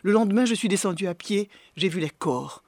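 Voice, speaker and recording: Middle-aged woman being interviewed, husky voice, dry close sound, slow serious storytelling. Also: medium pitch, expressive, a little mellow, no room sound. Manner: measured, grave storytelling. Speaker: interviewee recounting an earthquake. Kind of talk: interview testimony.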